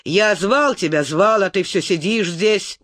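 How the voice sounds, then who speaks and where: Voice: medium pitch, measured pace, fairly bright tone, no echo, clean studio sound, natural voice. An audiobook reader voicing an eager, self-assured young man who boasts a little. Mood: smug. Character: eager smug young male knight.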